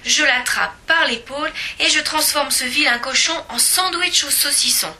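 A woman reading a children's storybook aloud in a lively, expressive way. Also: high voice, normal speed.

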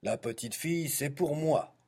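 A man's voice: on the high side, unhurried, darkish tone, slightly rough. A man voicing a big greedy male ogre in a children's storybook, roaring and bossy. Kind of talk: storybook reading.

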